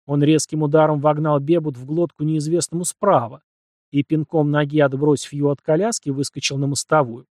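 A man narrating an audiobook in a measured, dramatic storytelling manner. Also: a little high, darkish tone, no room sound, clean studio sound.

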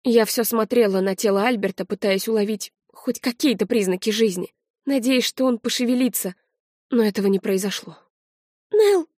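A woman narrating an audiobook in the first person with a measured, quietly tense delivery. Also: medium pitch, no room sound, clean studio sound.

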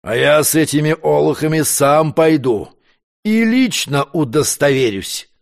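A man's voice: on the high side, expressive, unhurried, gravelly. A man doing an irritable, commanding prince. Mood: imperious. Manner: commanding, scolding. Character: imperious irritable powerful prince.

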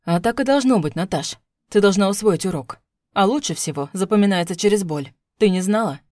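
A woman reading an audiobook, voicing a violent, furious young husband who shouts threats. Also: sits high, fairly quick, no room sound, clean studio sound, natural voice. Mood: cold menace. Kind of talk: audiobook character voice.

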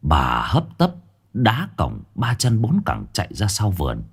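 A man narrating a ghost story in an animated, vivid way. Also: fairly low pitch, unhurried, breathy edge.

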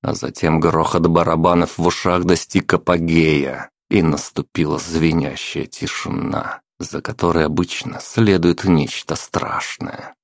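Deep gravelly male audiobook narrator. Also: steady tone, unhurried, hardly any pauses, no room sound, studio quality. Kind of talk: scripted first-person narration.

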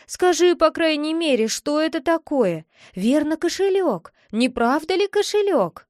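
A woman's voice: sits high, animated, a little slow, no echo, clean studio sound. A woman voicing a curious young boy who keeps begging his sister to show him a secret, wheedling and insistent. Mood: pleading.

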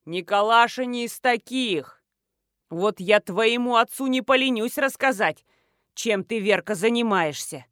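A woman reading an audiobook voices a stern, gruff old village man who rebukes a girl. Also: a little high, unhurried, fairly bright tone, no echo, clean studio sound.

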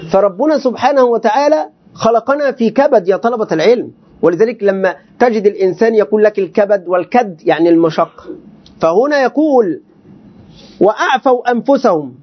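A man's voice: high voice, animated, brisk. A man teaching a classical text to students in a lecture, explaining words and quizzing them with questions. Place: teaching session with students present. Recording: dull lo-fi recording.

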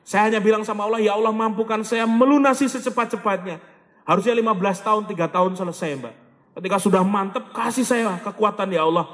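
High-voiced preacher man in a reverberant hall. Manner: animated, acts out voices of people praying and pleading; mixes in Javanese and Arabic phrases. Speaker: motivational preacher. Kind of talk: motivational sermon.

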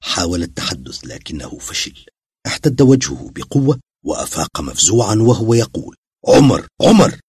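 A man narrating a dramatic audio story in a husky, expressive voice. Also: on the low side, normal speed, dry recording, studio quality.

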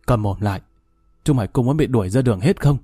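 A stern, commanding older mother, as a male storyteller reads her. She talks in curt, decisive orders. The tone is mellow and dark, with a dry, close sound. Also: medium pitch, animated, fast, no room sound, faint music behind, natural voice. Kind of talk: storybook reading.

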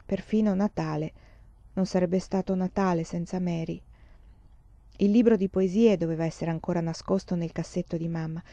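A woman reading a novel aloud in a slow, calm, expressive way. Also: fairly low pitch, dry recording, dull audio. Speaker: audiobook reader. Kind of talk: scripted narration.

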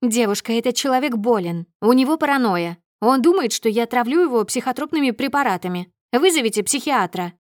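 A woman reading an audiobook voices a furious, spiteful young wife. She shrieks high and loud, then drops to a venomous hiss. The sound is dry and close, with no room around it. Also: expressive, fairly quick, hardly any pauses, dry recording, close to an everyday voice. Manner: shrieking, hissing threats. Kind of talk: audiobook character voice.

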